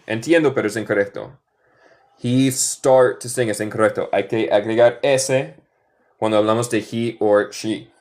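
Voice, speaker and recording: Slow, patient American English teacher. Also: male voice, mid-range voice, darkish tone. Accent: American, speaking Spanish as a learner. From northern United States. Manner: patient, encouraging, switches between Spanish and English, models words slowly. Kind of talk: live-streamed language class.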